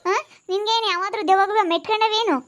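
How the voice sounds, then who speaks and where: An indignant village housewife, played by a woman scolds in a very high, shrill voice. Her accent is rural central Karnataka. The setting is a village comedy skit. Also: steady tone, fast talker, a bit bright. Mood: scolding. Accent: rural central Karnataka Kannada.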